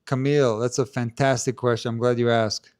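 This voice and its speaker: A tennis channel host with a low, soft, not very strong voice fields viewer questions on a live stream, speaking indoors to camera. His chatty delivery is flat and a little fast, full of hedges, restarts, and fillers like "like" and "you know," and a close handheld mic keeps him clear and present.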